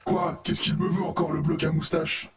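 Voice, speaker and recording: A woman voicing a gruff, impatient male monster king from a video game, brusque and short with others. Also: deep voice, sing-song, moderate pace, reverberant, noisy background, voice pushed down. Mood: grumpy, impatient.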